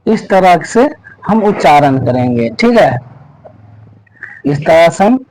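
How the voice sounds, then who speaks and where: A man's voice: on the high side, big pitch swings, slow, darkish tone, a little hiss or hum, poor audio. A male teacher explaining pronunciation rules step by step. He repeats himself often and keeps checking in with his students. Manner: repetitive, checks in constantly with "okay"; spells out letters and sounds step by step. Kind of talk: classroom-style lesson explanation.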